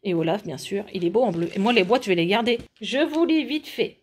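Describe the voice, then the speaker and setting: A woman's voice: medium pitch, expressive, brisk, slightly rough. A woman in her forties from France, chatting casually as she shows her shopping and a gift box to the camera, with lots of hesitations. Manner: chatty, shows products to camera with many fillers. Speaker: vlogger. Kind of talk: casual haul vlog.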